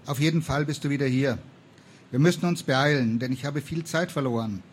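A man's voice: mid-range voice, fairly quick, a little hiss or hum, lightly acted. A man reading the lines of a stern, dutiful young woman, a traveling apothecary in an old tale, in a firm, earnest manner. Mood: scolding.

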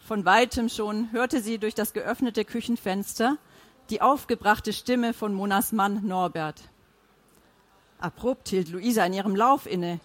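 An audiobook narrator with a mid-range voice reads a novel aloud. She delivers the scripted narration in a measured, even storytelling manner.

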